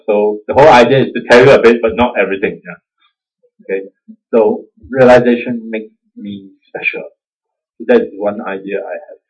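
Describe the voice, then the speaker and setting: This man's voice sits on the low side with a breathy edge. He's a Buddhist teacher with a Singaporean accent, chatting through an informal dharma talk, poking fun at himself and laughing frequently, captured on a dull, lo-fi recording.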